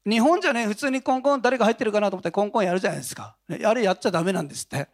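A male pastor giving a conversational Sunday sermon, telling stories in an animated way and chuckling often. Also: high voice, racing. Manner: animated storytelling with frequent chuckles.

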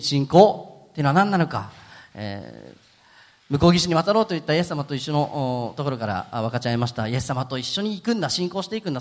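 A man pastor preaching a sermon in a gentle, conversational way with frequent fillers. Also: medium pitch, big-room sound.

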